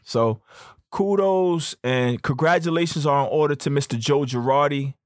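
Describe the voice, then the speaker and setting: A young man hosting a podcast, telling a story in a casual, slangy, animated way. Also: a little high, moderate pace, no room sound, studio quality. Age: young adult. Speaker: podcast host.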